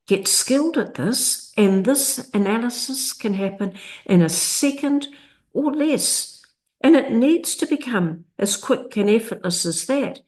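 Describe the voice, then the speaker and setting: A woman's voice: fairly high pitch, expressive, darkish tone. A woman teaching literacy, narrating a lesson that breaks long words into parts and sounds out each piece with care. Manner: slow, deliberate, sounds out word parts. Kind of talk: instructional screencast narration.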